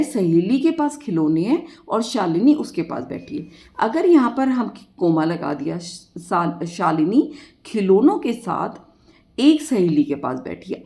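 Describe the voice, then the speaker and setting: A woman's voice: mid-range voice, dark tone. A woman math teacher, explaining a lesson step by step and asking her students questions.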